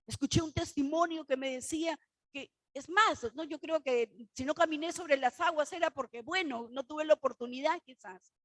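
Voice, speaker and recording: A woman preaching a sermon, telling a personal testimony with dramatic swings between soft and loud. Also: sits high, moderate pace, dry recording. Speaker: pastor's wife preaching.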